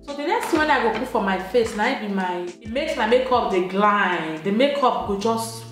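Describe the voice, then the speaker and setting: A woman's voice: fairly high pitch, expressive, moderate pace. A young Nigerian woman with an Edo accent, chatting her way through a makeup tutorial in Pidgin English, laughing often. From Nigeria, Benin City, Edo State. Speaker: beauty vlogger. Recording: very echoey room, soft music behind.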